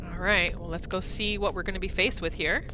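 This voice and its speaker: A woman with a fairly low voice talks briskly, narrating her roleplay playthrough in a casual, playful and expressive way while addressing herself and the game. Video game music and background noise are audible.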